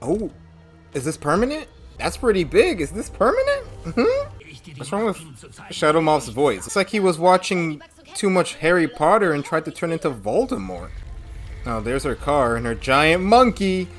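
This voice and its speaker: Woman reaction host, low register, swooping expressive delivery, casual commentary, music underneath. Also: moderate pace.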